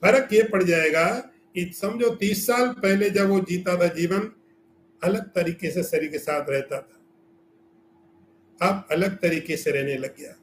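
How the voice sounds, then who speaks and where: A man with a fairly high voice gives a scriptural lecture as a spiritual teacher. He explains through everyday examples and keeps posing rhetorical questions. The recording has an echoey room and a faint background hum. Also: a little slow.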